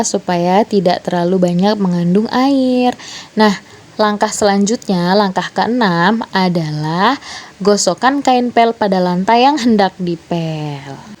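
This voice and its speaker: A woman's voice: mid-range voice, darkish tone. A young woman from Indonesia, a student teacher giving a primary school lesson and patiently explaining step by step with questions to the class.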